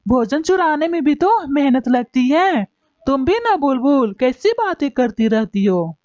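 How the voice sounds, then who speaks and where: Woman doing a lazy thieving husband bird, high grumbly whiny voice, kinda dull lo-fi sound. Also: big pitch swings, measured pace, a little mellow, dry recording. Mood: grumpy. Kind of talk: cartoon voice acting. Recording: dull lo-fi recording.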